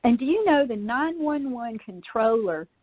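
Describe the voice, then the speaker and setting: A woman guest who researches UFOs, telling anecdotes in a chatty, animated way full of fillers. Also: on the high side, normal speed, no echo. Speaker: podcast guest, UFO researcher. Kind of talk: casual storytelling in a call-in interview. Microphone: phone. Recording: tinny, dry phone line.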